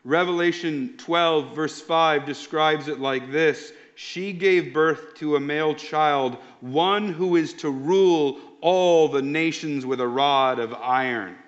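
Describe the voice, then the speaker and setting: Slow, emphatic male preacher. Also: a little high. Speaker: pastor. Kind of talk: sermon. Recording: dull lo-fi sound.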